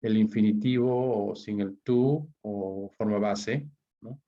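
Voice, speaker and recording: A Peruvian man teaching an exam-prep English lesson, who explains step by step, keeps checking in with his students and reads his English example sentences slowly. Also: lowish voice, mellow, highs cut off. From Peru. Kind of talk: online exam-prep lecture.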